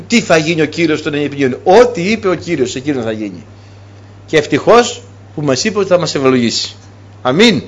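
High-voiced preacher giving an emphatic sermon. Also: male voice. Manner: emphatic, repeats key phrases.

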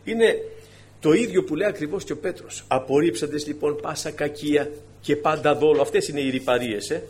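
A man preaching a sermon in a conversational, animated way, with sudden emphatic bursts, often addressing his congregation as dear brothers. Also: a little high.

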